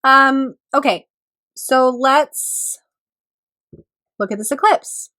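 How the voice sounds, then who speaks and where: A woman astrologer speaks alone in a reflective way, her voice still getting over a cold, pausing and clearing her throat. Her pitch is high and her tone sharp.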